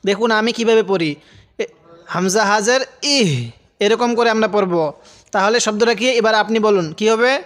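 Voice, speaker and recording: A man teaching Quran reading in a lesson, spelling out each word slowly and pausing for viewers to repeat after him. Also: high-pitched, steady tone, fairly bright tone. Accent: Bangladeshi Bengali. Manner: slow drawn-out syllable-by-syllable recitation, then quicker plain explanation; addresses viewers directly and pauses for them to repeat.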